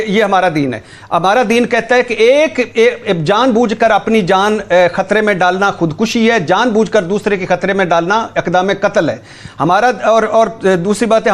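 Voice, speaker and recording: A man arguing insistently as a panelist on a TV talk show, talking over others and repeating himself. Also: high voice. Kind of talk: heated political debate.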